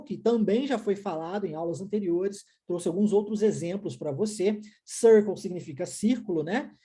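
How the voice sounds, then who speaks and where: With a Brazilian Portuguese accent, a woman teaches an online English lesson in a medium-pitched, mellow, slightly rough voice. She explains things step by step and often checks in with short questions.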